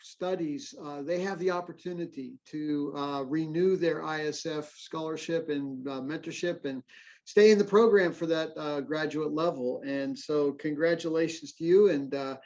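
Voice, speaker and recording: A man hosting a graduation ceremony over a video call, friendly and halting, with many fillers. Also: a little mellow. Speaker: ceremony host. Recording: muffled low-fidelity audio.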